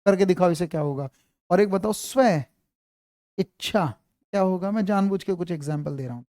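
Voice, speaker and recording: Guy teaching grammar online, keeps asking students stuff, warm voice, dry mic. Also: sits high, moderate pace, no echo. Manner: quizzes students, repeats questions. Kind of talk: online Hindi grammar class.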